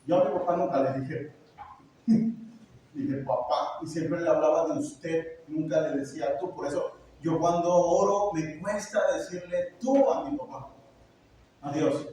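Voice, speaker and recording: A man's voice: a little high, a little slow, warm tone, slight background noise. A middle-aged man, preaching a conversational, joking sermon as pastor. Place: church hall. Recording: echoey church hall, mic far off.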